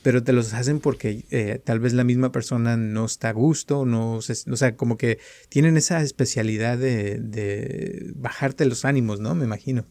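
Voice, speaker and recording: A man's voice: mid-range voice, fairly even intonation, moderate pace, vocal fry, hardly any pauses, dark tone, no room sound. Male co-host, thoughtful easy delivery, dead-dry close mic. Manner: reflective, light laughter, quotes others playfully. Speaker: podcast co-host. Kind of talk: casual conversational podcast chat. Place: lives in the United States.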